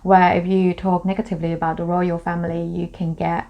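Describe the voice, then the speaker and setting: A woman's voice: lowish voice, level tone, a little fast, highs cut off. A young woman from Thailand, a native Thai speaker, chatting casually to camera in a vlog, explaining things in a friendly way with plenty of fillers. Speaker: vlogger.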